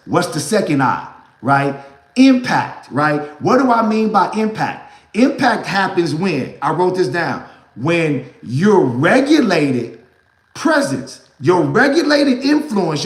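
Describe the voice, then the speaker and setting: A man's voice: a little high, reverberant. A man in his thirties hosting a motivational talk, preachy and casual with slang, often asking "right?" and calling listeners "good people". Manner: casual slang, swings between loud and hushed. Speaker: motivational host.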